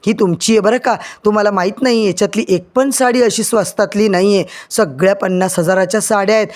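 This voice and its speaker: A man's voice: sits high, fast, close to an everyday voice. A man voicing a boastful, chattering aunt in a retold family serial. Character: boastful aunt showing off saris.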